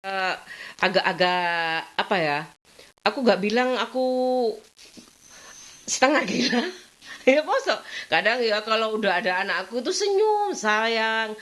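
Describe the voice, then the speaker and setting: A middle-aged woman, chatting at home in a rambling, venting way, her voice jumping up in complaint and sinking to low murmurs. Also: expressive, measured pace, long pauses, a bit bright. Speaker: vlogger. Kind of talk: casual chat.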